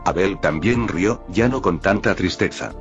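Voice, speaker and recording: A man calmly reading a first-person fan fiction story aloud as narrator. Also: sits low, measured pace. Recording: dull lo-fi audio with faint music.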